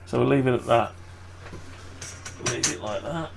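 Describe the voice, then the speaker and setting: A man with a groggy, gravelly morning voice and vocal fry endings, giving casual, hesitant think-aloud commentary on his screen work. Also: medium pitch, unhurried, background noise. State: groggy morning voice, clearing throat. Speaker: maker narrating a design tutorial.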